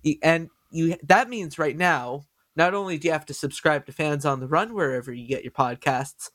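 A man hosting a podcast, chatting casually with a nasal voice and excitable, stumbling delivery. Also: on the high side, normal speed, no echo, clean studio sound. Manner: excitable, stumbling over words. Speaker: podcast host.

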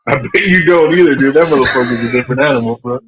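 A man's voice: mid-range voice, fast, crowd noise, low-quality recording. A man speaking as a podcast guest in a casual late-night chat, laid-back, giving short replies and swearing casually.

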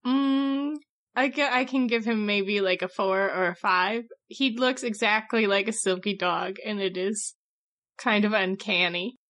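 A woman co-hosting a podcast, chatting casually in a slow, drawn-out way. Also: mid-range voice, fairly even intonation, fairly bright tone. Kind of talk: casual chat.

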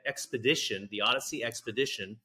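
Bright-voiced male podcast host. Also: medium pitch, fairly quick, breathy edge. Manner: friendly, reads outro promos. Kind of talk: interview hosting and sign-off.

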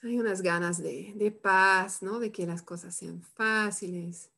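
A woman leading a live workshop, who talks calmly and reflectively and tags her phrases with "¿no?". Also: mid-range voice, measured pace, gravelly. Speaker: workshop facilitator. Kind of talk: live online workshop demonstration.

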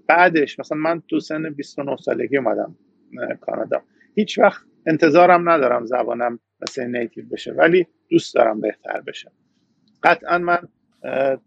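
A man's voice: medium pitch, vocal fry, husky, lo-fi sound. A man from Iran, a guest in a casual interview, talking reflectively with frequent hesitations.

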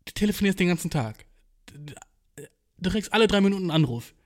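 High-voiced slangy young man ranting. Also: expressive, quick pace. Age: 20s. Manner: slangy, profanity-laden rambling with filler words. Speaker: podcast host. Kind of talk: casual storytelling monologue.

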